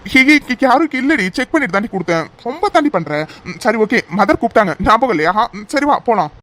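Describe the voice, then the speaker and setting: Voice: medium pitch, very animated, quick pace, fairly bright tone, a little hiss or hum. A voice actor playing an affectionate young man in a cartoon love story, coaxing and pleading with his fiancée to stop crying. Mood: fond concern. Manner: coaxing, pleading and playfully bossy. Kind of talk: cartoon voice acting.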